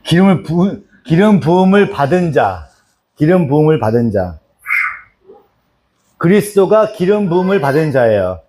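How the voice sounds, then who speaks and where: Lively-pitched pastor quizzing his flock. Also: moderate pace, long pauses, slight background noise. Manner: repetitive, drills answers and calls on people by name. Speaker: pastor teaching doctrine. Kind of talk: church Bible lesson, quizzing listeners. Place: small church.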